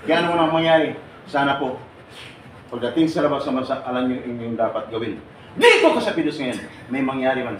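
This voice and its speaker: A middle-aged man speaking at a seminar, asking the audience questions, joking and laughing often. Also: medium pitch. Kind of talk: lively lecture to a live audience. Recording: echoey room from far off, noisy.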